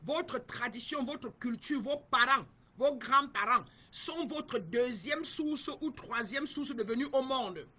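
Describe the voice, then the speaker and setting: A woman's voice: high voice, expressive, slow pace, few pauses, pushed and bright, slightly rough. A middle-aged woman from Cameroon, a spiritual guide giving an emphatic, repetitive teaching talk and speaking straight to her listeners.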